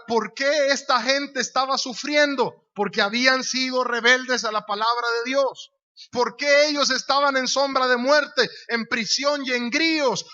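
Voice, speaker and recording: A man's voice: extremely high pitch, bright, forceful tone. A man with a Honduran accent preaching a sermon, emphatic, with rhetorical questions and repeated phrases. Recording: dull lo-fi recording.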